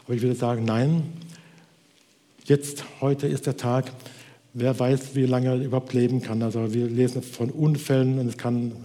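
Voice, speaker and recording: Mellow-voiced man preaching in a hall. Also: medium pitch, flat delivery. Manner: earnest, exhorting, slows for emphasis. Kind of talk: sermon. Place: church hall. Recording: long reverb of a hall.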